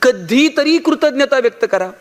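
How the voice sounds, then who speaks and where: High-voiced Marathi motivational speaker. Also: male voice, expressive, moderate pace. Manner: storytelling with acted dialogue and humor. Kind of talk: motivational speech.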